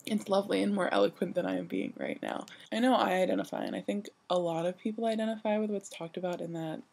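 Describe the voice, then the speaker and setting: A young adult woman who just woke up, talking in a sleepy, casual vlog style, rambling haltingly and self-deprecatingly with a husky, creaky voice. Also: fairly low pitch, animated, a little mellow. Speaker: vlogger. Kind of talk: casual personal vlog monologue.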